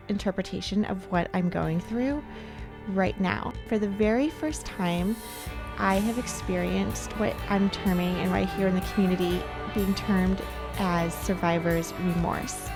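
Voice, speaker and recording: Woman podcast host, gravelly edge, candid and reflective, soft music underneath. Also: mid-range voice. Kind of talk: personal monologue.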